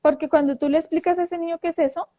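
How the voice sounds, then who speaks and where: A woman telling a story in casual talk, animated and acting out quoted voices, with frequent restarts. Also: very high voice, fast talker. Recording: dull lo-fi audio.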